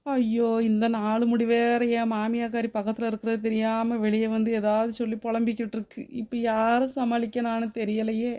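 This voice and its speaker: A woman voicing a sharp-tongued young daughter-in-law in a cartoon who mutters sarcastic asides. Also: on the high side, monotone, moderate pace, hardly any pauses, natural voice.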